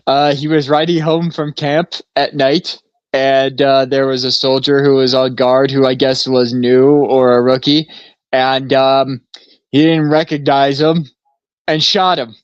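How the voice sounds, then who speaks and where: A man's voice: medium pitch, little pitch movement, measured pace, clean tone, no echo, highs cut off. A man co-hosting a casual podcast in a small studio, talking in a laid-back, profane way and laughing easily. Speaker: podcast co-host. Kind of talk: casual stoner chat.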